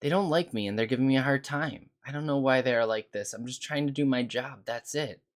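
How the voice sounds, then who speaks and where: A man performs the lines of a grumpy young female technical consultant from a game, lightly acting her short temper as she snaps and complains before apologizing. He speaks briskly in a mid-range voice.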